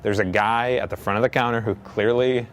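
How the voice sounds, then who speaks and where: A man's voice: mid-range voice, fairly even intonation, a little fast. A man being interviewed, speaking in a wry, dry way.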